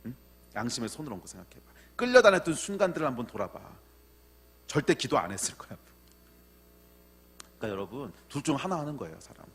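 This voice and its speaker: A male pastor preaching a sermon in a church, repeating key phrases in call-and-response and swinging between loud exhortation and quiet asides. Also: a little high, slightly rough. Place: church sanctuary.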